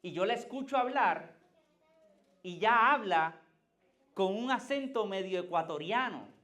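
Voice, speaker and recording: This male pastor from Puerto Rico has a high, pushed, bright voice with lively intonation and an unhurried delivery in his Puerto Rican Spanish accent. He preaches conversationally, questioning the congregation and rising to emphatic climaxes.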